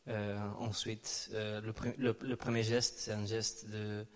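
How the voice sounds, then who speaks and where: Male panel speaker, halting and very monotone, heard with long room reverb. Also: lowish voice. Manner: halting, searching for words, repeating himself. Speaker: dance performer and creator. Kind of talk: panel talk, answering in an audience discussion.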